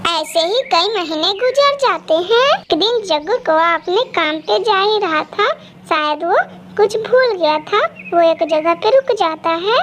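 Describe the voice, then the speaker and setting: Very high-voiced woman telling a cartoon story. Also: measured pace. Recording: steady background noise.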